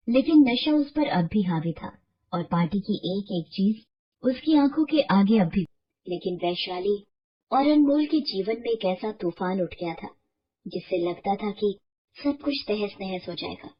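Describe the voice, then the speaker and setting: A woman narrating a bedtime moral story in a steady, scripted way. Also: mid-range voice, lo-fi sound. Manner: steady, explanatory.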